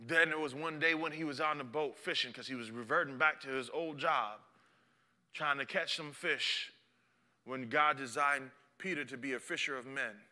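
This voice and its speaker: A man's voice: mid-range voice, normal speed, bright, forceful tone, long reverb tail. A male preacher giving a dramatic, impassioned sermon and acting out the story.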